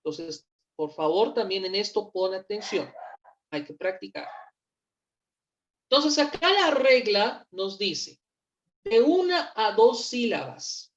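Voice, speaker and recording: Slow, patient woman teacher on a call. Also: medium pitch, sing-song, dull audio. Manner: patient, slow, repeats words for pronunciation. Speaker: English teacher. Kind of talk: online class explanation. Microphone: computer mic on a video call.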